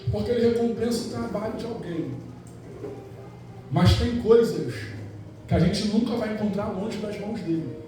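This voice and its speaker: A man with a Rio de Janeiro accent preaching an animated Pentecostal sermon, telling stories with acted quotes and rhetorical questions, heard in a large church hall. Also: high voice, normal speed, long pauses, recorded from a distance, slight background noise. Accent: Rio de Janeiro Portuguese. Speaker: evangelist preacher. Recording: very echoey church hall, music behind.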